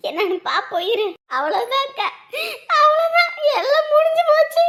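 A woman's voice: extremely high pitch, fairly bright tone. A woman playing a village woman who laments, comforts and scolds her distressed friend. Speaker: neighbor older-sister figure. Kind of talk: rural Tamil drama acting.

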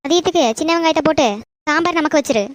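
A woman's voice: high voice, fairly even intonation, rapid-fire, slight background noise, lightly acted. A woman voicing a bossy elderly grandmother handing out kitchen chores. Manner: instructing, matter-of-fact.

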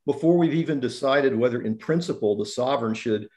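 A man in his sixties debating on a video call, insistent and quick to interrupt. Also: medium pitch, warm tone. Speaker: panelist, economist.

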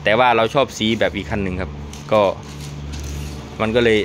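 A man's voice: lowish voice, normal speed. A man filming a casual vlog at a truck body workshop, talking to his followers and laughing often. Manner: lively, laughs often, speaks to fans. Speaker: truck owner vlogger. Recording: faint background noise.

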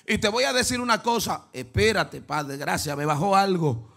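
A man preaching a fervent sermon, dropping to hushed asides and then breaking into shouts while he quizzes the congregation. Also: sits high, animated, normal speed, vocal fry. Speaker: pastor. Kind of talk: lively Pentecostal sermon.

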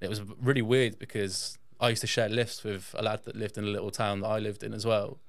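Recorded dry, the man talks a little fast in a lowish, flat voice. Born in Yorkshire and raised in south-west England, he's a guest on a podcast, chatting about his own life in a casual, conversational manner.

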